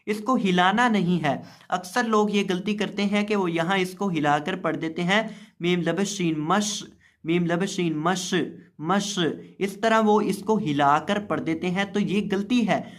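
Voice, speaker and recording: A man's voice: sits high, fairly bright tone. A man teaching Quran reading step by step, patiently repeating and drawing out each word. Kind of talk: slow step-by-step lesson.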